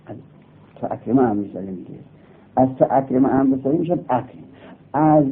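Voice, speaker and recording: A man teaching a grammar lesson, slow and patient, going through each step of the rule and repeating it. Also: medium pitch. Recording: tinny phone-like recording.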